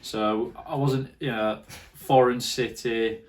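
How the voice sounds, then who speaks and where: A man's voice: mid-range voice, fairly even intonation, slow pace. A young man, casually talking over travel footage and recounting stories with a friend. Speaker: vlog co-host. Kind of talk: casual travel vlog commentary.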